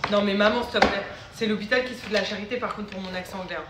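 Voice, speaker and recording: A woman's voice: medium pitch, steady tone, racing. A woman vlogging casually at home, teasing and laughing with her family, easily exasperated. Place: indoors at home. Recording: echoey room with loud noise.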